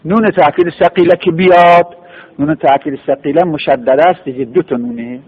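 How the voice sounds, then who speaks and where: A man's voice: fairly high pitch, husky. A man giving a patient classroom grammar lesson, spelling out word forms one by one. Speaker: teacher of Arabic grammar. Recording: tinny phone-like radio recording.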